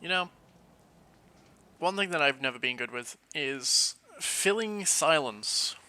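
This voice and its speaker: A man's voice: fairly high pitch, expressive, slow, sharp tone. A man streaming a video game, chatting casually and playfully, coining silly words as he plays. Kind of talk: casual gameplay commentary.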